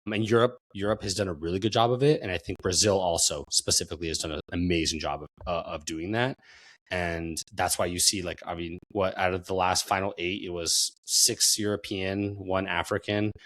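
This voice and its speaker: A man's voice: low-pitched, steady tone, fairly quick, fairly bright tone. A man co-hosting a soccer podcast, talking in a loose, rambling way and repeating words as he thinks. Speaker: podcast co-host. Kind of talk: casual chat.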